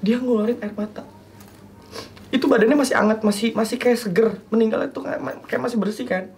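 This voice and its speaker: A young man, a talk show guest, telling a personal story in a halting, earnest way and acting out remembered dialogue. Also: extremely high pitch, fairly even intonation, darkish tone.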